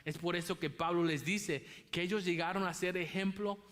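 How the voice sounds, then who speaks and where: A man's voice: high-pitched, steady tone, normal speed, fairly bright tone. A man preaching a sermon as pastor, emphatic and repeating key phrases for weight.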